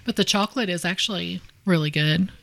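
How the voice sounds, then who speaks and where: A woman's voice: on the low side, fairly quick, creaky, fairly bright tone, dry recording. A woman co-hosting a casual snack-tasting chat, easygoing and agreeable. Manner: easygoing, lots of agreeing murmurs. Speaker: co-host.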